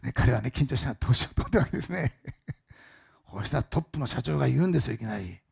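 A man preaching a sermon as a pastor, telling a story in an animated, dramatic way. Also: mid-range voice, racing, creaky, slightly rough.

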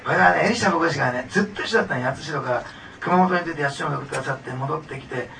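A man's voice: on the high side, racing, sharp tone. A man preaching a sermon, talking to the congregation in a conversational way, laughing often and asking them questions. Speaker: pastor. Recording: distant mic with clear background noise.

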